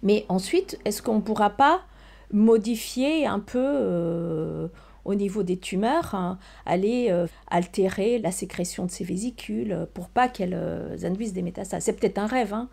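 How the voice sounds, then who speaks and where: Older woman, gravelly. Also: medium pitch, expressive, moderate pace, a little mellow. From Portugal. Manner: hesitant, many fillers and restarts. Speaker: research scientist guest. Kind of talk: casual interview answers.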